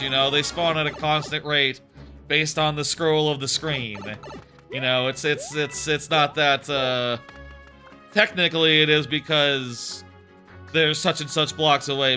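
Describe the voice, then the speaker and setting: A man's bright, forceful voice, pitched on the high side, carries his casual gameplay commentary. He rambles with plenty of fillers and sounds a little sniffly, as if nursing a sore throat, with game music in the background.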